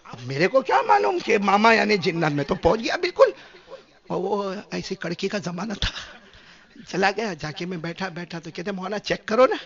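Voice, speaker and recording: A man from Gujarat, preaching an animated, humorous sermon and questioning his listeners, in a dull lo-fi recording. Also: high-pitched, gravelly. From Gujarat, India. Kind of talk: sermon with anecdotes.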